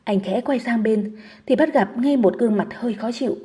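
A woman narrating a novel audiobook in a steady, measured reading style. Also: a little high.

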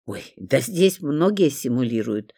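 An audiobook reader voicing a weary middle-aged duty nurse who talks in a matter-of-fact, confiding way, in a lively, dry-sounding read. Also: medium pitch, measured pace, creaky, slightly rough, no echo, heavily acted. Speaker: hospital nurse. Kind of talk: audiobook character reading.

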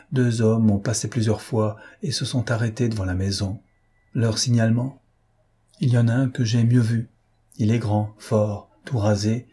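A man voicing a frightened, weary noblewoman who speaks in a hushed, trembling, pleading way. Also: lowish voice, slightly rough. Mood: anxious.

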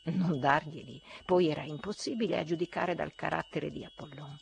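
A woman reading a classic novel aloud in an expressive, dramatic way. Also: low voice, normal speed, creaky, a little hiss or hum. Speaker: audiobook reader. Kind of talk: literary audiobook reading.

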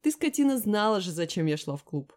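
A woman reading an audiobook, voicing a sharp-tongued young woman friend who scolds and mocks loudly. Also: fairly low pitch, a little fast, lightly acted. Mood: scolding. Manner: loud, scolding, sarcastic. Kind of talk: audiobook character voice.

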